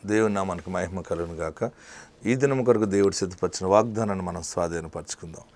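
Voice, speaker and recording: A male pastor delivering an emphatic sermon, dropping to a hush and then rising to loud declarations. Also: low-pitched, fast talker. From India. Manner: emphatic preaching, swinging between hushed and loud.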